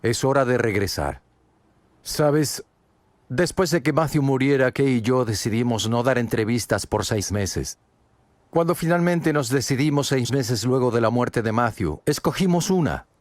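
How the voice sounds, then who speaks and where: A man's voice: mid-range voice, animated, measured pace, no room sound. A man preaching a sermon, earnest and direct, asking many rhetorical questions and speaking straight to the listener. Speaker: pastor.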